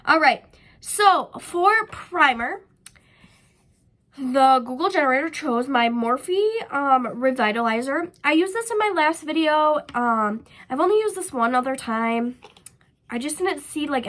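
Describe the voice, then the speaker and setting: Speaking a little slowly with lively intonation, a young beauty vlogger chats through a makeup tutorial full of ums and likes. Her voice sits high and a bit bright, but it sounds stuffy and nasal because she is sick with a cold.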